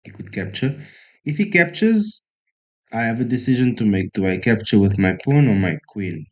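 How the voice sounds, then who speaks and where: Expressive and lowish in pitch, this South African man talks at a normal speed while streaming chess. He thinks out loud and chats casually and self-deprecatingly with viewers.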